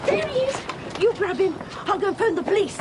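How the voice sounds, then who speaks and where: A fussy older woman neighbour in a soap drama, easily alarmed and bossy. Her voice is high and swoops about in urgent delivery. The location recording has clear background noise. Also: lively intonation, quick pace. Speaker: busybody neighbour. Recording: clearly noisy location sound.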